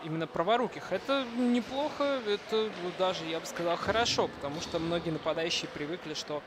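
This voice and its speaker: Male live hockey commentator, high-pitched, unscripted with searching pauses, very loud rink noise behind. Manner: unscripted running commentary with hesitant pauses mid-sentence. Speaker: ice hockey play-by-play commentator. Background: noisy indoor ice rink.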